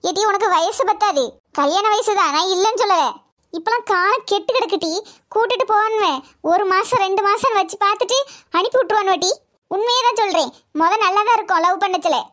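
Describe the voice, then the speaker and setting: A woman with a Tirunelveli Tamil accent voicing a stern, sharp-tongued middle-aged aunt in a cartoon. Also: extremely high pitch, quick pace. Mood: lecturing. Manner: sharp, scolding, keeps saying "ஏட்டி". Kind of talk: cartoon voice acting.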